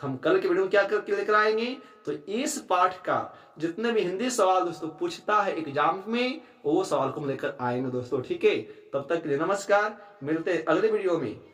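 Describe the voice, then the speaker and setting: A man's voice: high voice, lively intonation, moderate pace, hardly any pauses, fairly bright tone, echoey room. A man teaching a school textbook chapter, who repeats key lines and keeps checking in with his students. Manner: keeps asking "है ना?", "ठीक है"; repeats lines to drive them home.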